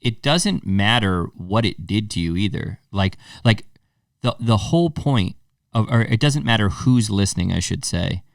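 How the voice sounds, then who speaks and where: A man's voice: on the low side, animated, moderate pace, vocal fry, dry recording, clean studio sound, distant mic. A man hosting a podcast, chatting in an encouraging and affirming way, often hesitant as he finds his phrasing. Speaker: podcast host. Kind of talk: casual interview chat.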